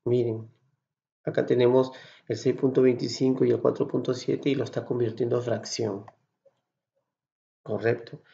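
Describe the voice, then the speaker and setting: A man from Peru with a Peruvian accent, patiently explaining a software tutorial step by step and checking in with his students. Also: medium pitch, level tone, moderate pace, vocal fry, long pauses, highs cut off. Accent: Peruvian Spanish. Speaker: Excel course instructor. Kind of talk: screen-recorded software tutorial.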